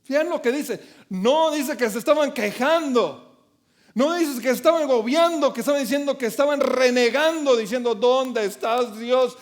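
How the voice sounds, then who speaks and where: A male pastor delivering a fervent sermon. His voice sits very high and he stresses his points with emphatic swells. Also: moderate pace.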